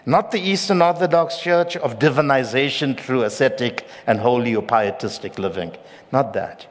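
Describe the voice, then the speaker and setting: A middle-aged man preaching a sermon as pastor, with emphatic loud peaks and hushed drops. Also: mid-range voice. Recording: long reverb of a large hall.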